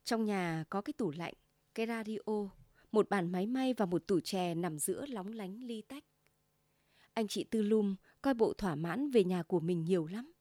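A woman reading a story aloud, in an even, measured narration. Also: medium pitch, no room sound, clean studio sound.

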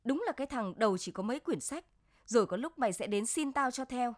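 A shrewd, gruff middle-aged village trader speaks plainly in this story, voiced by a woman reader. His talk is brusque and matter-of-fact, a touch high in pitch. The sound is dry and close, with no room around it. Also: lively intonation, fairly quick, no room sound, close to an everyday voice. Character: blunt middle-aged rural man, shrewd grain trader.

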